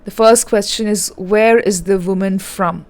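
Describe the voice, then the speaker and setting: A woman's voice: mid-range voice, fairly even intonation, a little slow, a little mellow. A woman giving an online lesson in a direct, instructive, step-by-step manner. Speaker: English teacher.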